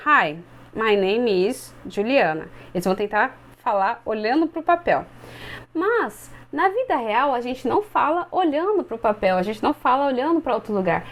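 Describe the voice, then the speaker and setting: A Brazilian woman in her twenties, an English teacher explaining step by step and modeling phrases slowly for other teachers. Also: high voice. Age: 20s.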